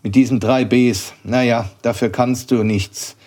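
A man reading an audiobook, voicing a gruff, grumpy old bookseller who growls and scolds as he questions a boy. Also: mid-range voice, steady tone, unhurried, a little mellow, natural voice.

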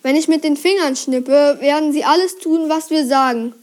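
A woman's voice: sits high, moderate pace, a little mellow, slight background noise, lightly acted. A woman voicing a cheeky young schoolboy who hypnotizes his principal, coaxing and whispery. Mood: whispered.

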